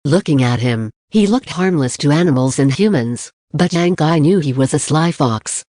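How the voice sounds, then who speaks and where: Dark, dry audiobook narrator. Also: mid-range voice, lively intonation, moderate pace, no room sound.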